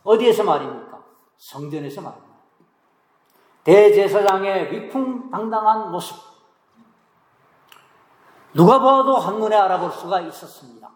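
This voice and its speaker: A male pastor with a notably high voice preaches a sermon, asking questions of his congregation and answering them himself. His volume swings from hushed to emphatic. The recording carries a long, roomy reverb, as if from a large hall. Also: expressive, moderate pace, long pauses. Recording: echoey hall.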